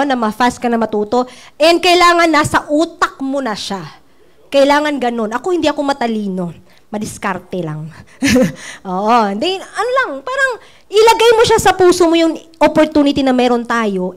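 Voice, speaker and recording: Lively high-voiced woman trainer. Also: normal speed. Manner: chatty and playful, teasing asides. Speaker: business trainer. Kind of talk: casual training talk.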